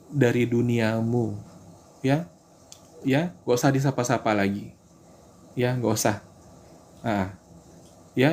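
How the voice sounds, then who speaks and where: Offering laid-back faith-based advice about life, a man chats, repeats himself, acts out prayers, and responds to viewers' greetings. He speaks at a medium pitch with a slightly mellow quality.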